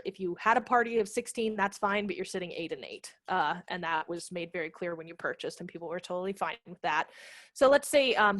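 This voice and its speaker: On a video call, a woman in her thirties who is a theatre managing director talks informally as a guest speaker, using a headset microphone in a room at home. She has a mid-range voice, and the recording is dry.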